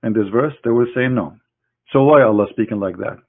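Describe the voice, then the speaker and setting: Over tinny, phone-like audio, a man with a medium-pitched voice talks briskly. He is a religious critic presenting on screen in a mocking lecture, scornful and sarcastic as he addresses his opponent directly.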